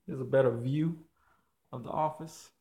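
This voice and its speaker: A man's voice: mid-range voice, moderate pace, warm tone, husky, no echo. A man who runs a used-car business, giving blunt, slangy advice to his viewers in a casual vlog from his small office.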